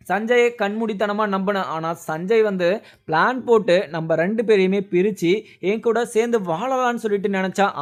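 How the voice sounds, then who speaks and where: A man's voice: high voice, close to an everyday voice. A man reading the lines of a remorseful young wife who apologizes and repeats herself.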